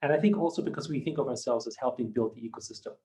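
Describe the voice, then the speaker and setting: As a podcast guest, this Austrian company founder in his fifties, whose first language is German, talks thoughtfully and deliberately, hedging often. His voice is warm and mellow, pitched in the middle range for a man.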